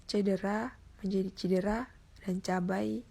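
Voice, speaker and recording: A young woman reads her class presentation aloud from notes, keeping a steady pace and sometimes restarting a word. Her voice is husky and breathy, with a gravelly creak at the ends of phrases. She sounds like a university student presenting coursework. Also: mid-range voice, a little slow. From Indonesia. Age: young adult.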